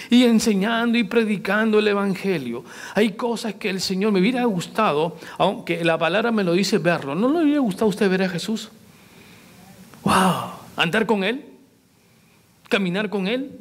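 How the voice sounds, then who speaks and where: A male pastor preaching a sermon, asking the congregation question after question and acting out the lines he quotes. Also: high voice. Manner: acts out quoted lines in varied voices.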